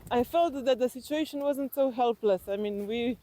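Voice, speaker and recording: Appearing as an interview guest, a woman from Slovenia speaks with a Slovenian accent, reflectively recounting personal stories and thinking aloud in halting fashion. Her fairly high voice carries a dark tone.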